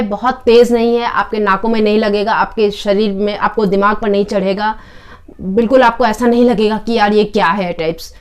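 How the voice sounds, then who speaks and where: Calm woman reviewing a product. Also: on the high side, smooth. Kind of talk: casual product review with live demo.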